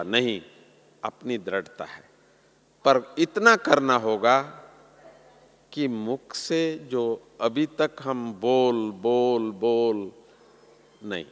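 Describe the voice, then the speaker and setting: Slow, earnest man preaching in a hall. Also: on the high side. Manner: slow, earnest, drops softly at phrase ends. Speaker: spiritual teacher. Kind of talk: sermon to a large gathering. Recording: long hall reverb.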